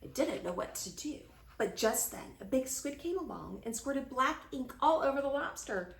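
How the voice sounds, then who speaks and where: Reading a children's picture book aloud, a woman voices an old grandpa who spins tall adventure tales with dramatic emphasis. Her voice is high-pitched, expressive and creaky at a normal speed, and the recording is roomy and echoing.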